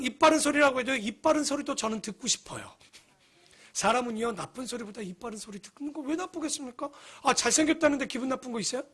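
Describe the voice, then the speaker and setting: High, bright-voiced joking male pastor. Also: husky. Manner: conversational, joking preaching with rhetorical questions. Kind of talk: sermon. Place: church sanctuary.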